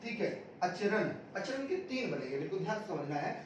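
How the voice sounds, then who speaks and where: A man's voice: high-pitched, big pitch swings, fairly quick, slight background noise. A man teaching an exam-prep grammar lesson, drilling students with repeated questions and answers. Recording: echoey room, distant mic, dull sound.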